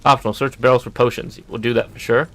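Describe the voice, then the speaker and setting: A man's voice: mid-range voice, steady tone, fast, a bit bright. A man giving casual gameplay commentary, muttering and thinking aloud as he loots. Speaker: gameplay streamer.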